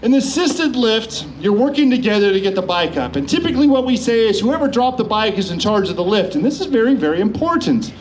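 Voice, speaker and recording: A man's voice: high voice, big pitch swings, fast, hardly any pauses, noisy background. A man presenting a live demonstration to a crowd as an instructor, with a jokey, showman-like manner. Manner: showman-like, jokey, addresses the audience. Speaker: motorcycle instructor and demonstration host. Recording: live event with crowd behind.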